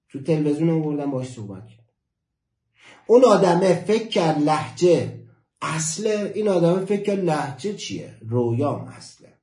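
A man giving a motivational class talk, emphatic, repeating key phrases and slowing down to stress his points. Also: fairly high pitch, warm tone, echoey room. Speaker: motivational teacher.

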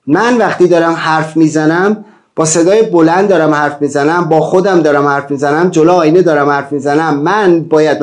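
Animated man teaching a self-help class. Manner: animated, wide swings in pitch; repeats and lists for emphasis. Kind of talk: lecture to an online class.

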